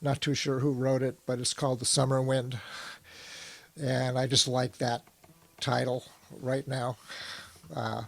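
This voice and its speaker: A man on a video call chatting casually before he plays a song, rambling with many pauses and fillers. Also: mid-range voice, little pitch movement, vocal fry. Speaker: club member, singer and guitarist.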